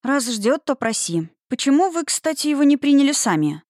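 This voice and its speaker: A woman reading the part of a bossy yet easily flustered young matchmaker in an audiobook, speaking in a lively way. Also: high voice, normal speed, no echo, clean studio sound, pitched above the performer's own voice.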